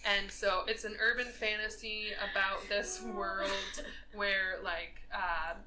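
Woman, co-host, casual chat, bright voice, rambling with fillers. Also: medium pitch, steady tone, slow pace, a little hiss or hum, low-quality recording. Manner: chatty, meandering, many fillers. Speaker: podcast co-host.

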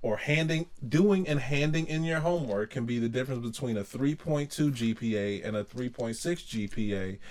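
A man's voice: medium pitch, normal speed, hardly any pauses, darkish tone. Earnest man hosting a casual podcast. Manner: earnest, advice-giving, gets passionate. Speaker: podcast host. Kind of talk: casual family podcast chat.

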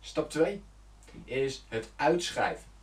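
A man talks viewers through goal-setting like a coach, earnest and direct, correcting himself and filling pauses as he goes. He stands back from the mic, and the room around him rings. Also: mid-range voice, sing-song, reverberant, recorded from a distance. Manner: loose and conversational, with fillers and self-corrections. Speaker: self-help coach. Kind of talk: motivational talk to camera.

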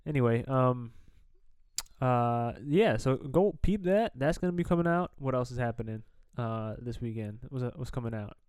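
A man's voice: medium pitch, expressive, moderate pace, darkish tone, clean tone, no echo, clean studio sound. A man co-hosting a podcast in loose, joking casual chat with plenty of fillers. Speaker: podcast co-host.

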